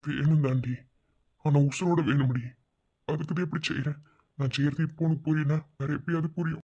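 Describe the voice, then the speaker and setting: A man's voice: a little high, steady tone, fairly quick, warm tone, breathy edge, muffled recording. A man voicing a young village man in a cartoon who gives up his love, speaking firmly with a Madurai Tamil accent. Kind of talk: cartoon voice acting.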